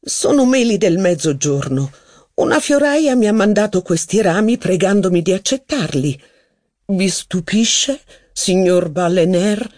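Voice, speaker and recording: A reader voicing an elderly aristocratic lady who speaks with gentle modesty in an audiobook of a classic novel. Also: medium pitch, animated, a little slow, no room sound, clean studio sound, voice pushed up. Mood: gracious. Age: older.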